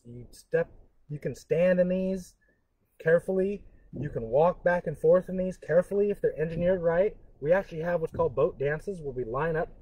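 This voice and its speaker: Earnest, halting man giving a talk. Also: a little high, darkish tone, breathy edge, rough recording. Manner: earnest and halting, with frequent pauses and restarts. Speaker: cultural educator. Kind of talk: live-streamed educational talk.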